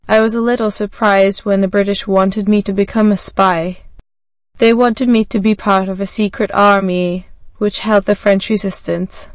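Smooth, dry-voiced woman narrator. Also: medium pitch, no room sound. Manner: even, measured reading that voices every symbol literally. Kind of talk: scripted narration of a graded reader.

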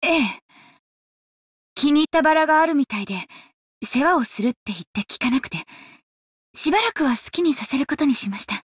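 A woman voicing a harsh, volatile adult mother in a game, sharp and abrupt. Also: sits high, animated, rapid-fire, pauses often, no room sound, clean studio sound. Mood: polite.

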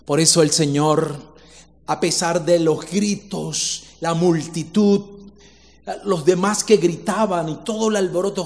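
A man's voice: fairly high pitch, gravelly. A man preaching a sermon as pastor, asking rhetorical questions and repeating phrases for emphasis. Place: church hall. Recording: long reverb in a church hall.

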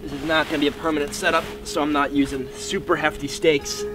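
Over music, a young man in his twenties hosts a casual bushcraft tutorial outdoors in snowy woods, explaining things with frequent ums. His voice is on the high side, flat and fast.

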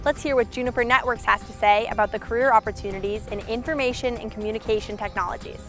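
A young woman presents in an upbeat, clear, scripted way, her voice sitting a little high. Faint music plays underneath. She sounds like a show host speaking outdoors. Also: fairly even intonation, fast talker, a bit bright. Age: young adult. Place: outdoors on a campus.

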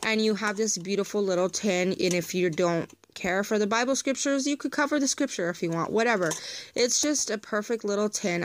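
A woman with a raspy voice, chatting in a rambling, friendly way straight to her viewers in a casual haul video. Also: medium pitch, a little hiss or hum. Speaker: haul vlogger.

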